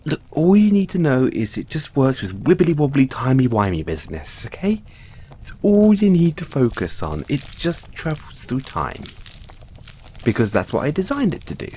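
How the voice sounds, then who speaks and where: Playful and affectionate, a man voices a mad scientist boyfriend in an audio roleplay, giddy and dramatic while urging the listener on. He speaks at medium pitch and normal speed, with a little hiss or hum in the recording.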